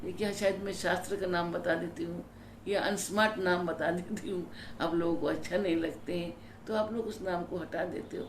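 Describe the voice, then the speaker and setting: A woman spiritual teacher telling her own story in a devotional sermon, repeating key words slowly for emphasis. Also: on the low side, fairly even intonation, roomy sound, slight background noise.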